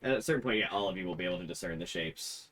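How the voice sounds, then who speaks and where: A man's voice: low voice, very fast, a bit bright. A man narrating a tabletop game as game master in a casual, loosely improvised conversational way. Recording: faint background noise.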